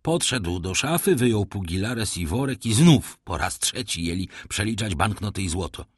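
A man giving expressive, theatrical narration of a classic novel as an audiobook reader. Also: on the low side, normal speed, slightly rough, dry recording, clean studio sound. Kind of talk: dramatic literary narration.

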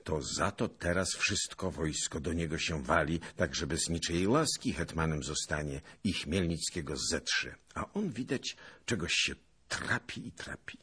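A man voicing a loyal, earnest young knight who speaks respectfully, in a husky voice. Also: very deep voice, expressive, measured pace, bright, forceful tone, heavily acted. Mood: puzzled.

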